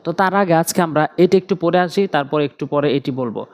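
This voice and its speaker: A man's voice: fairly high pitch, fast. A man teaching Quran letter pronunciation step by step, patiently repeating each sound and drawing the vowels out.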